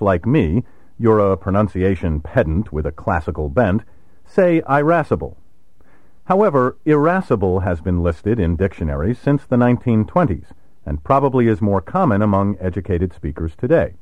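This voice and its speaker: A man's voice: on the low side, no room sound. A man giving a scripted vocabulary lesson, wry and precise, spelling words out letter by letter. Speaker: vocabulary teacher. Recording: dry, slightly dull recording.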